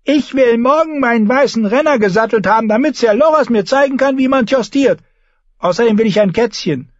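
A man's voice: brisk, no echo, lo-fi sound. A man voicing a whiny boy king. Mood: petulant. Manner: whiny, insistent, pitched up high. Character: boy king, petulant and demanding.

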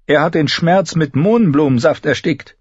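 Man voicing a sharp, ominous sorceress. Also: on the high side, normal speed, slightly rough, no room sound, voice pushed up. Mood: cool, knowing. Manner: cool, knowing, ominous. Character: sharp, proud older female healer-sorceress. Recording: slightly dull recording.

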